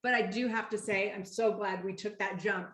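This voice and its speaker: A woman's voice: mid-range voice, fairly even intonation, normal speed, a bit bright, echoey room. A woman co-hosting a casual sales call over video from home, chatty and enthusiastic. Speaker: co-host of a sales opportunity call.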